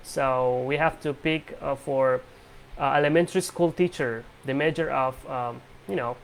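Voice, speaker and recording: A young adult man from Indonesia, speaking with an Indonesian accent, hosts a casual English practice video call. His voice is medium-pitched and creaky at normal speed, and he speaks hesitantly with many fillers.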